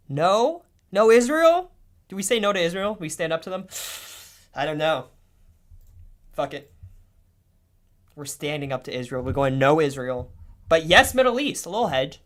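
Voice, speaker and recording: A young man talks through a casual livestream, cursing freely as he reacts. He drifts into low, half-muttered asides, then jumps into sudden excited outbursts. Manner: profane, excitable, swings between mutters and outbursts.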